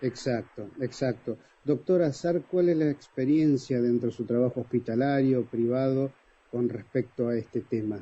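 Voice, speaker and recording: A man with an Argentine accent hosts a radio health show, asking his questions politely and conversationally. His voice is very dark and husky, and it comes through a dull, lo-fi radio sound. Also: medium pitch, moderate pace. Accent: Argentine Spanish. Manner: polite, conversational, with "este" fillers. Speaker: radio host. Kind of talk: radio interview.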